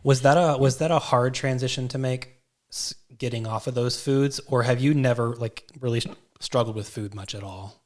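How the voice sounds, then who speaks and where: A man co-hosting a podcast, asking gentle, searching questions with frequent restarts. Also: medium pitch, moderate pace. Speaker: podcast co-host. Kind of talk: casual interview chat.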